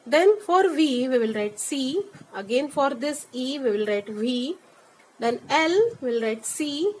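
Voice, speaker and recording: A woman's voice: sits high, slight background noise, poor audio. A woman teacher giving a classroom lesson, explaining step by step and checking in with repeated "okay?"; she speeds up when she switches into Hindi. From India. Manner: slow and deliberate in English, much quicker when switching to Hindi.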